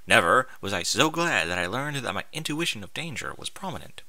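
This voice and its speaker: A host reads amateur fan fiction aloud and mocks it with exasperated, sarcastic, sweary asides. His medium-pitched voice is bright and forceful, moves quickly with big pitch swings, and the recording has no echo.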